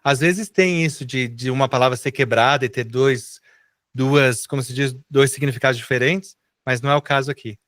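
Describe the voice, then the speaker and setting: A man's voice: medium pitch, moderate pace, fairly bright tone, studio quality. A middle-aged Brazilian man teaching English in a live online class, patiently explaining and repeating words for students to echo.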